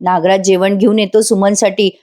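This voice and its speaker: Speaking at normal speed with a level tone, a woman reviewer of TV serials gives a chatty recap of an episode, addressing her viewers straight on. Her voice is medium in pitch and a little mellow.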